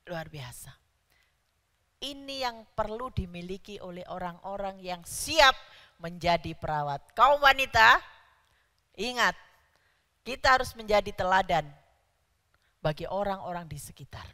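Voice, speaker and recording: A woman's voice: mid-range voice, expressive, a little slow, pauses often. Emphatic woman preaching in a church hall. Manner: emphatic, rising to loud stresses on key words. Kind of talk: sermon.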